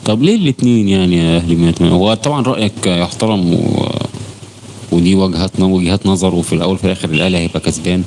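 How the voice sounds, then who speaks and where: Fast-talking low-voiced Egyptian man. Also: a little mellow, slight background noise. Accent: Egyptian Arabic. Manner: chatty, addresses viewers by name, swears oaths often. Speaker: football channel host. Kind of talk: casual live-stream chat.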